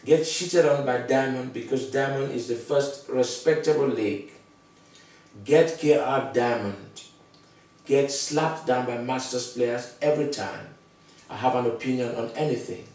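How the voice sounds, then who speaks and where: Slow-talking man in a very echoey room. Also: mid-range voice, a little mellow. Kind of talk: scripted comic monologue. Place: small bare-walled room indoors. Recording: echoey room, distant mic.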